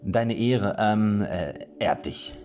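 A man's voice: low-pitched, very animated, moderate pace, darkish tone, highs cut off. A man voicing a young male hero who stammers through awkward excuses, reading a storybook. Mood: determined. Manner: stammering, sheepish.

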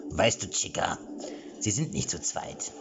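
A man's voice: low voice, expressive, a little slow, dull audio, music in the background, pitched above the performer's own voice, full character voice. A man voicing a grumpy male companion speaking in a threatening tone, reading a storybook. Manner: gruff, threatening.

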